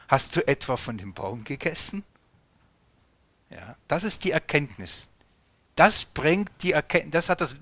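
A man's voice: medium pitch, pushed and bright, no echo. A man preaching a conversational sermon, putting questions to his listeners and addressing them as friends.

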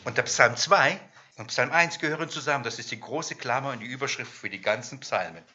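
A man preaching a sermon who fires rhetorical questions at his congregation and swings between loud emphasis and hushed asides. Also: medium pitch, fairly quick, lo-fi sound.

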